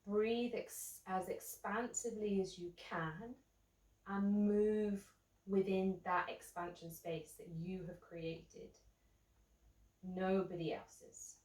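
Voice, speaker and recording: A woman teaching a seated yoga class, talking gently and casually, with many ums. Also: mid-range voice, steady tone, slow pace, echoey room, recorded from a distance, poor audio. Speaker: yoga instructor. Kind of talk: guided seated yoga instruction.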